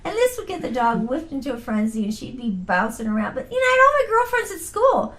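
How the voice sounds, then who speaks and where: A woman being interviewed in a casual family conversation, talking in an animated, playful way with frequent laughter. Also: on the high side, a little fast. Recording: roomy recording with faint noise.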